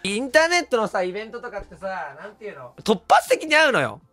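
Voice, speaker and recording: A hoarse man, talking casually on stream, excitable and quick to laugh or yell. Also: sits high, faint music behind. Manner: excitable, switches between laughing and yelling. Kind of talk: casual stream talk reacting to comments.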